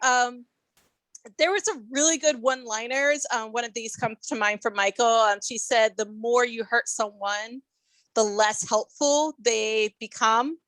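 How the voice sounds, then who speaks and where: A woman co-hosting a podcast, reviewing an episode in casual chat, thoughtful and halting with many ums and restarts. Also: a little high, a bit bright, no room sound. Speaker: podcast co-host.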